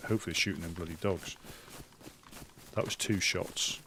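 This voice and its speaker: A man with a Suffolk accent talks casually to his live stream as he plays. His voice sits low, and he rambles, hesitating and breaking off mid-sentence. Light noise runs behind him. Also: fairly even intonation, moderate pace. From Suffolk, England.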